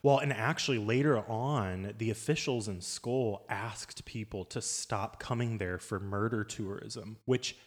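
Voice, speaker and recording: A man's voice: on the low side, measured pace, hardly any pauses, in a large hall. A man co-hosting a podcast, chatting casually and animatedly about a trip and laughing often. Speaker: podcast co-host. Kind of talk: casual travel chat.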